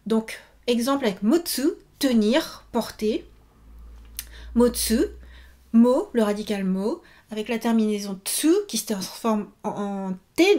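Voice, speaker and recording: A woman's voice: a little high, darkish tone. A woman teaching Japanese verb forms in a video lesson, patiently repeating each example.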